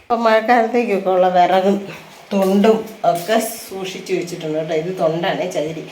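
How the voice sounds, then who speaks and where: A woman's voice: fairly low pitch, fairly even intonation, fairly quick, a little mellow, slight background noise. A middle-aged woman from Kerala with an Idukki Malayalam accent, chatting to her viewers as she does chores around her home and yard. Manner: chatty, tags sentences with "you know". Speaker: home vlogger. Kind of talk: casual chat while doing chores.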